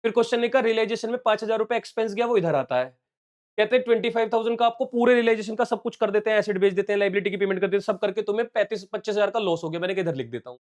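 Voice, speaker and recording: High-voiced male teacher working sums aloud. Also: racing, a little mellow. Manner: explains step by step, calls viewers "beta" and "bachche"; works sums aloud in Hindi mixed with English terms. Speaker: commerce teacher. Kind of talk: solving exam questions on a live stream.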